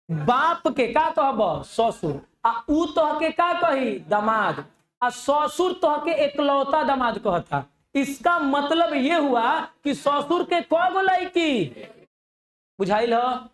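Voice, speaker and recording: A man with a Bhojpuri-inflected Bihari accent teaching a live online reasoning class, animated and now and then shouting, calling his students "babu". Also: very high-pitched, roomy sound. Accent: Bhojpuri-inflected Hindi, Bihar.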